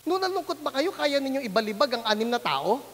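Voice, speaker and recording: A man's voice: very high voice, big pitch swings, a little fast, fairly bright tone, in a large hall. A man preaching as a pastor, telling a story animatedly and acting out the people in it. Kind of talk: sermon storytelling.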